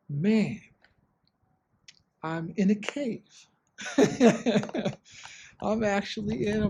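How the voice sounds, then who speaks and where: A high-pitched man rambles through a casual travel vlog, slangy and profane. He talks inside a cave, and his voice echoes off the stone walls. Loud wind and outdoor noise run under the recording. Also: dull audio. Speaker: travel vlogger.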